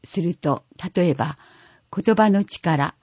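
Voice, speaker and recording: A reader calmly working through an audio newsletter at a measured, even pace. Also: mid-range voice, no room sound. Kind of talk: read-aloud audio newsletter. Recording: dull lo-fi recording, dry.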